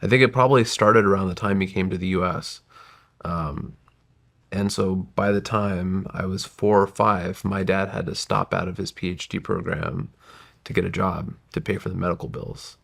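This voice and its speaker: Here his voice is deep, gravelly and a bit bright, delivered at a normal speed with fairly even intonation. He is a forties-aged American man whose first language was Gujarati, a podcast guest casually telling his life story, meandering thoughtfully and frequently revising what he has just said.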